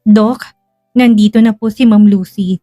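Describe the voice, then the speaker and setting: Brief: meek, polite young maid, quiet voice, read by a woman storyteller, mellow tone. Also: medium pitch, fairly even intonation, unhurried, dry recording, studio quality, soft background music, lightly acted. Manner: soft-spoken and polite. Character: timid female household maid.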